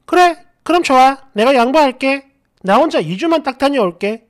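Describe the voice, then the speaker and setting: A man's voice: extremely high pitch, animated, normal speed, pitched above the performer's own voice. A man voicing a defensive, complaining young woman, the girlfriend in a narrated story. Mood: pleading.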